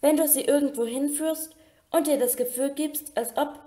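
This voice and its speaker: A woman voicing a spirited young woman in a storybook reading, pressing her point with lively questions. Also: high-pitched, moderate pace, voice pushed up, lightly acted. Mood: doubtful.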